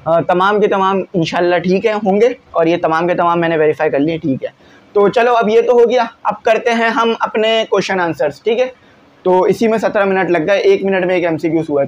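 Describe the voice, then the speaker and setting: Male teacher, high register, patient classroom explainer. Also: muffled recording. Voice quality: glasses wearer. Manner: explains patiently, often checks in with "theek hai". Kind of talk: classroom lesson solving exam questions.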